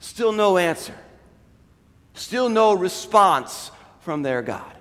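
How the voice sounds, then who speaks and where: A pastor gives a sermon in a very high voice, swinging his pitch around as he tells the story. He acts out the characters' lines as he goes. His voice rings with a long reverb, like a large hall. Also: takes it slowly. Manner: animated retelling with voiced quotes.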